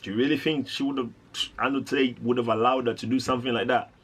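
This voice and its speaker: A man's voice: mid-range voice, steady tone, quick pace, breathy edge. A man hosting a reaction video, giving indignant, rambling commentary with lots of restarts.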